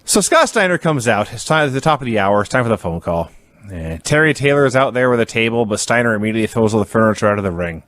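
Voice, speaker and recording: A man's voice: lowish voice, lively intonation, fast, fairly bright tone, dry recording. A man co-hosting a podcast, chatting casually and wryly about an old wrestling show. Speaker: podcast co-host.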